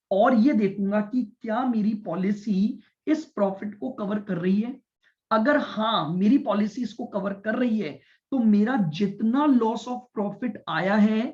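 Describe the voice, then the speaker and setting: Male lecturer with a fairly high voice, deliberate classroom explainer who keeps checking understanding; dull lo-fi recording. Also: a little mellow. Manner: explains step by step, repeats points and checks understanding with students; speaks deliberately and stresses listening. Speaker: commerce teacher. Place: classroom with students.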